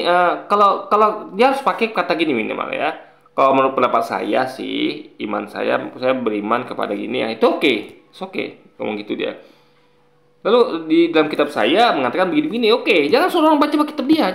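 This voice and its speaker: Animated gravelly man in an echoey room. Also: a little high. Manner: animated, explains with examples and repeats points. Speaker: commentator reacting to video clips. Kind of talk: casual commentary to viewers.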